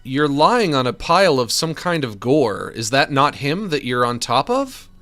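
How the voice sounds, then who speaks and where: A man's voice: mid-range voice, big pitch swings, measured pace, a bit bright, faint music behind. A man voicing a frightened video game companion who pleads anxiously for help finding a lost friend. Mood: pleading. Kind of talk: reading game dialogue aloud.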